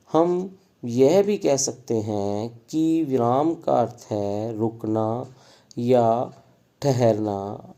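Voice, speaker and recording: A man hosting his own channel, teaching a grammar lesson slowly and carefully, listing items one by one with pauses. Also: mid-range voice, vocal fry, mellow. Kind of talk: slow explanatory lesson.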